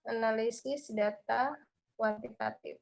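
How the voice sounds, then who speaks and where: A woman's voice: on the high side, fairly even intonation, slow, gravelly, a little mellow. A woman explaining material as the speaker of an online lecture on a video call.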